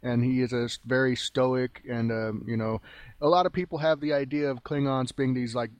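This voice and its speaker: A man's voice: medium pitch, fairly even intonation, normal speed, no echo. A man co-hosting a podcast, telling things loosely in casual chat with many fillers. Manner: loose, filler-heavy storytelling. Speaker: podcast co-host.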